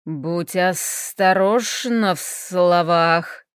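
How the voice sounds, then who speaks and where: Female narrator doing a laid-back young dragon lord: deep, slow, unruffled, in a dry, close storybook read. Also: smooth, no echo. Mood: cool. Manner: low, slow, unbothered drawl. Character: young male dragon lord, calm and cocky.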